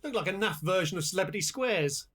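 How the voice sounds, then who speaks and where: A man's voice: high-pitched, animated, fast talker, fairly bright tone, breathy edge. A man on a comedy panel show, making jokey asides and chuckling at his own lines. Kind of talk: casual comedic banter.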